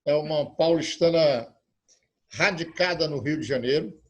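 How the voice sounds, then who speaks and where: Man, brazilian portuguese accent, interview host, husky voice, fairly high pitch, halting delivery. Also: dull audio. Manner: halting, many filler sounds. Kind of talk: online interview introduction.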